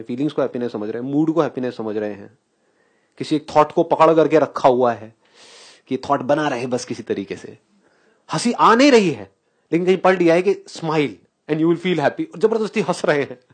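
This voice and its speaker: A spiritual speaker, a man with a slightly high voice, gives a live talk to an audience. He is animated and questioning, laughing often as he slips English phrases into his Hindi.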